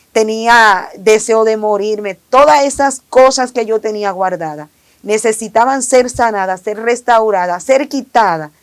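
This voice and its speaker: A woman tells her personal faith testimony in an earnest, emotional way. Her voice sits a little higher than most women's. She often circles back and repeats her own phrases. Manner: earnest, repetitive, emotional retelling. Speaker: testimony giver.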